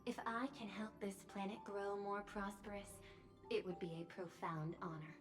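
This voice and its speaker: A woman's voice: medium pitch, moderate pace, music in the background, natural voice. An actress voicing a poised, calculating woman CEO in a video game, formal and faintly menacing.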